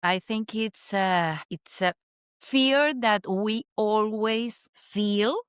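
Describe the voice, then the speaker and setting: A Chilean woman whose first language is Spanish appears as a guest, a business consultant, in a casual interview chat. She speaks slowly in careful, halting English with pauses and restarts, her medium-pitched voice smooth and captured in studio quality with no room sound.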